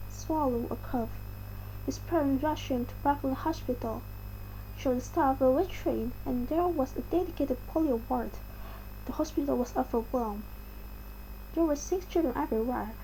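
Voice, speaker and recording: High-voiced Indonesian-accented woman reading aloud. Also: warm tone, slight background noise, low-quality recording. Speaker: reader. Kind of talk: article read aloud.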